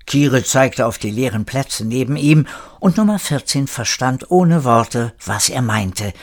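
Man narrating a storybook calmly. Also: mid-range voice. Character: old parrot narrator recalling the past. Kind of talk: storybook reading.

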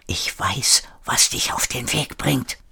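A man voicing an old grandmother who talks in hushed, urgent whispers in an audiobook story. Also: mid-range voice, expressive, a little slow, husky, full character voice.

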